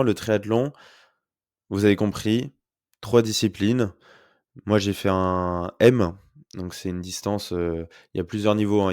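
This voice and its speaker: Despite a sore throat and congested nose, the young man keeps his home solo podcast casual, cheerful, and chatty, dotted with plenty of fillers. His deep, slightly mellow voice comes through a close podcast mic in studio quality, free of room sound.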